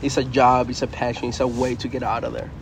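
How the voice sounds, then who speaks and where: This interview features a young Venezuelan man who plays college baseball and speaks with the accent of his native Venezuelan Spanish. His mid-range voice is monotone, fast, and has vocal fry, set against a noisy background. Loose and sincere, he says "man" and "you know" a lot.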